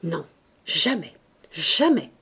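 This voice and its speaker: A woman's voice: a little high, animated, moderate pace, a little mellow. A woman reading an audiobook, voicing a severe, proud male priest who speaks sternly. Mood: harsh. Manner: stern, austere.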